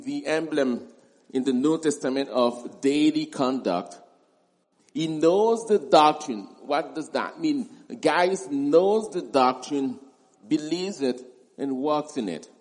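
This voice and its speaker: A male pastor preaching a verse-by-verse sermon, speaking deliberately and repeating key words for emphasis. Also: a little high, a little mellow. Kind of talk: expository sermon. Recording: long reverb in a large hall.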